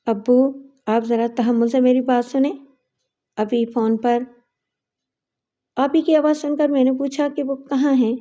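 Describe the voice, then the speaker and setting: A woman voicing a clever, sharp-tongued younger sister who talks in a brisk, matter-of-fact way. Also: high-pitched, fairly even intonation, lightly acted.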